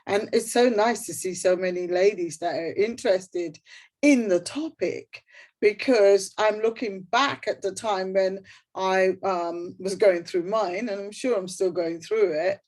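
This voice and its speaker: A woman's voice: medium pitch, measured pace, darkish tone. Guest speaker: middle-aged woman, Guyanese accent, candid storyteller, informal online talk. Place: indoors at a computer on a video call. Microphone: video call.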